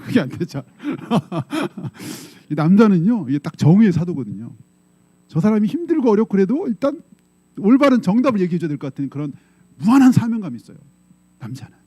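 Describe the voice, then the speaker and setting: A man's voice: high voice, sing-song, fairly quick, dark tone, slightly rough, no room sound. A middle-aged male pastor preaching a sermon in a conversational way. He often checks in with the congregation and acts out quoted voices. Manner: acts out quoted voices in short dramatic bursts. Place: church sanctuary.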